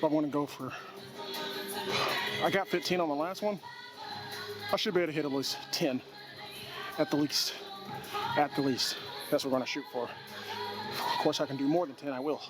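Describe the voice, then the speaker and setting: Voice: mid-range voice, steady tone, brisk, pauses often, low-quality recording. A person in their twenties chatting casually in a workout vlog, with slangy talk and swearing. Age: 20s. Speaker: gym vlogger. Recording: music playing behind. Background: music.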